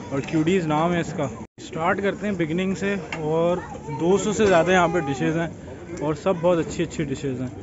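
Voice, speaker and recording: Holding his phone out at arm's length, a young food vlogger gives a brisk, easygoing tour of an outdoor buffet at a waterfront restaurant, chatting and pointing things out as he walks. His voice is a little high. Crowd chatter runs under the dull, lo-fi audio.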